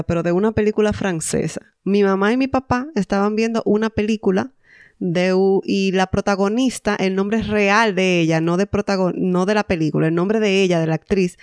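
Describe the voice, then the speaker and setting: A woman's voice: medium pitch, normal speed, darkish tone, no room sound, studio quality. A woman co-hosting a casual podcast chat, telling stories and laughing often. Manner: chatty, laughs often, storytelling. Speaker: podcast co-host.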